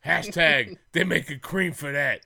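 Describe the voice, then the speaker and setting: A man's voice: fairly high pitch, unhurried, gravelly, sharp tone. A man hosting a sports podcast in crude, joking, boozy casual banter, swearing freely and prone to laughing. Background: laughing co-hosts.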